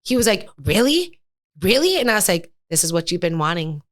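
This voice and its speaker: Middle-aged woman guest, low-ish voice, dry close mic, earnest storyteller. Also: fast, fairly bright tone, clean tone, dry recording. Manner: candid and earnest, telling a personal story. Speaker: podcast guest. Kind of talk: casual interview chat.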